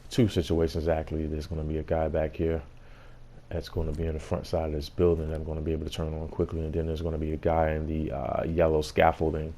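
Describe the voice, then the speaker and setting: A man's voice: extremely low pitch, monotone, quick pace, mellow, a little hiss or hum. A man giving a casual gameplay tutorial as host, explaining things in an informal way.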